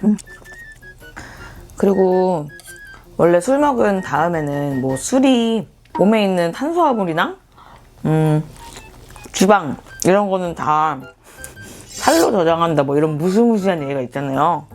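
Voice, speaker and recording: A woman mukbang vlogger chats casually with viewers while eating, tossing in playful, self-mocking asides. Her voice is on the low side, sing-song, unhurried and a little mellow, with background music playing under it.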